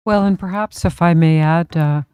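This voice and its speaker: A woman councillor tabling motions in a measured way during a council meeting. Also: on the low side, dark tone, smooth, no room sound, studio quality. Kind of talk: council debate.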